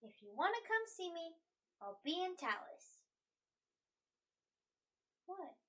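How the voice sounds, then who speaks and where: Player, woman, high voice, impulsive in-character banter at the game table. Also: big pitch swings, slow pace, fairly bright tone. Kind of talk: in-character tabletop role-play.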